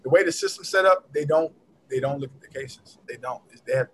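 Man defense lawyer guest, animated and repetitive, faint room hum behind. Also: mid-range voice, a little fast, rough recording. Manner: animated, repeats words while explaining. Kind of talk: casual podcast chat.

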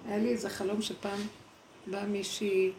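Gravelly-voiced woman telling a spiritual story. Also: mid-range voice, slight background noise. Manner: animated, acts out quoted voices. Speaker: speaker at a spiritual gathering. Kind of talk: spiritual talk with personal storytelling. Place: evening gathering indoors. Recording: echoey room with clear background ambience.

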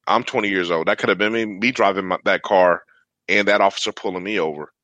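A man's voice: low-pitched, steady tone, fast, sharp tone, no echo, lo-fi sound. A man co-hosting a casual sports podcast, talking earnestly and conversationally, filling his lines with "man" and "you know.". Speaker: podcast co-host.

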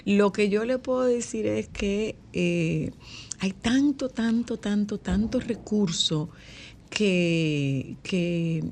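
An older woman talks on a radio show. She stresses her points by repeating words over and over, at a middle pitch. There is a faint hiss of noise under her voice. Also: takes it slowly, a little mellow. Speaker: co-host. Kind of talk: casual radio talk.

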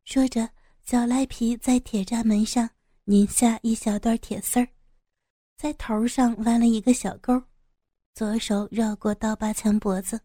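A woman reads a tense action story aloud in a warm, mellow voice that sits a little high. She narrates steadily and vividly, building suspense. The sound is close and dry. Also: dry recording. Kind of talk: dramatic audiobook narration.

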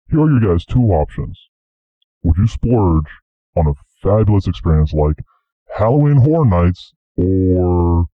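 A man's voice: low-pitched, slightly rough, dry recording. A man leaving an upbeat, gushing voicemail for a show, his voice disguised by a voice changer. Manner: upbeat, gushing fan message. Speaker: voicemail caller. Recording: muffled voicemail playback.

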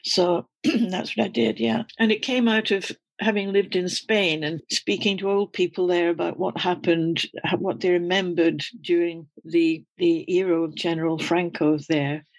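An older woman from Scotland, a guest in an interview, reflecting on her life in an unhurried storytelling way. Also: lowish voice, steady tone, vocal fry, no echo. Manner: reflective, storytelling, slight laughs. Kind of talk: conversational interview.

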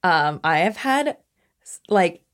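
A woman co-hosting a podcast in casual chat, with quick agreeing interjections and frequent laughter. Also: on the low side, very animated. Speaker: podcast co-host.

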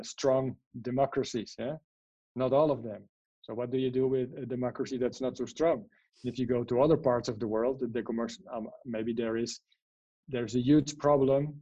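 Answering interview questions as a guest, a man from the Netherlands who works as an AI strategist and author explains at length in a mellow, medium-pitched voice. He uses many fillers and keeps checking with "yeah?", and the sound is lo-fi with no echo.

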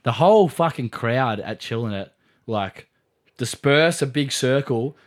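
A man's voice: mid-range voice, animated, unhurried. A man with an Australian accent telling anecdotes in casual chat, rambling, slangy and sweary. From Melbourne, Australia.

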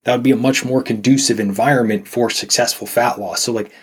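Husky-voiced man, rambling coach talk. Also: mid-range voice, steady tone, fairly quick. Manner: rambling, many fillers and restarts. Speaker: nutrition coach, podcast guest. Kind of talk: casual podcast conversation.

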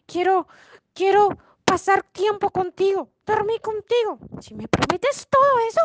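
A woman voicing a big talking frog in a storybook tale, bargaining in slow, drawn-out words. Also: very high-pitched, animated, pitched above the performer's own voice. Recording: noisy home recording.

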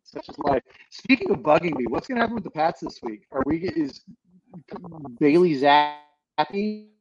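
A man's voice: high voice, very animated, moderate pace, creaky, far from the mic. Man with garbled underwater-sounding audio. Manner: rambling, restarts often. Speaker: podcast co-host. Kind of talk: casual sports chat. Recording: muffled, dull remote call audio with faint noise.

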